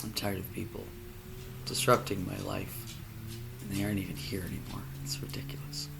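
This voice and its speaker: A man speaking a personal monologue, halting and emotional, often dropping to a near whisper. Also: deep voice, little pitch movement, creaky, over music. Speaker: vlogger.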